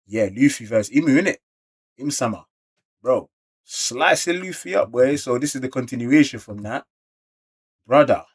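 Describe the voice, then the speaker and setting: A London man with a husky, medium-pitched voice reacts in loose street slang as he reads along with a manga. He's a reaction video creator, mixing animated exclamations with muttered asides.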